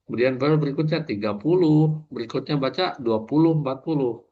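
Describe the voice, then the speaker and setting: A man's voice: mid-range voice, brisk, lo-fi sound. A man, lecturing an online class over a video call, walking through each step with many fillers and asides.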